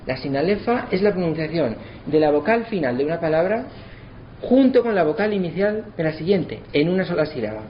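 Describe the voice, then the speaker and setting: A man giving a lesson, slowing down to sound out words syllable by syllable. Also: on the high side, big pitch swings. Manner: spells out syllables slowly to demonstrate. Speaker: lecturer. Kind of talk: explanatory lesson. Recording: slightly dull, faint background noise.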